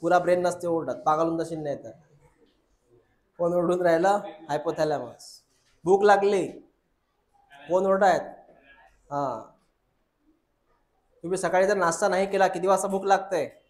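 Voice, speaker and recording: A man's voice: sits high, moderate pace, long pauses, roomy sound. A male biology teacher lectures a class, drilling students with repeated questions and calling them "beta".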